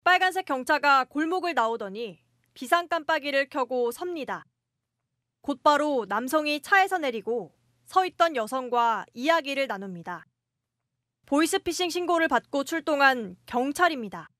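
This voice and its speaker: A woman's voice: sits high, lively intonation, moderate pace, a bit bright, no room sound, clean studio sound. A woman reading a scripted news report as a reporter.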